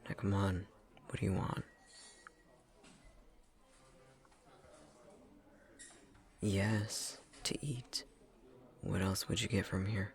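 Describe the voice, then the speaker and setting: In an ASMR roleplay, a man plays a prickly elf academic who cares despite himself, speaking in a low, level, unhurried voice. His delivery is curt, haughty and exasperated, often dropping into whispers, with a scolding, gruff mood.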